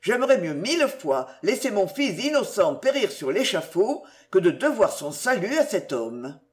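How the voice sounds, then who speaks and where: A reader voicing a proud, irritable aristocrat, a marquis, in an audiobook, gruff and commanding. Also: mid-range voice, sing-song, normal speed, lightly acted. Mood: hateful. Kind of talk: audiobook character reading.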